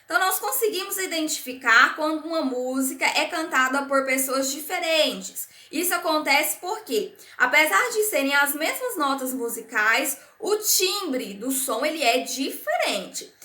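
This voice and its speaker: High bright-voiced Brazilian teacher. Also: female voice, expressive, unhurried, few pauses, roomy sound. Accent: Brazilian Portuguese. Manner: patient, repetitive explaining with frequent "né?" and "certo?". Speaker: primary school science teacher. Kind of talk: recorded remote class lesson.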